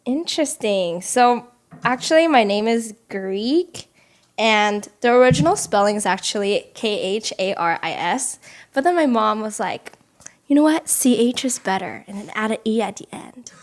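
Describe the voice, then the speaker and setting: A woman's voice: medium pitch, animated, moderate pace. A young woman co-hosting a casual home podcast, giggly and playful, talking and eating into a close mic at home. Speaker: podcast co-host. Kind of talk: casual chat. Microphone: close podcast mic without shock mount.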